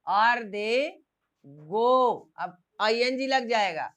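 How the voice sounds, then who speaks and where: Clear-voiced teacher drilling a class. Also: male voice, very high-pitched, lively intonation, extremely slow, fairly bright tone. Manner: drills by asking and repeating questions. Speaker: English teacher. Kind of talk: classroom grammar lesson.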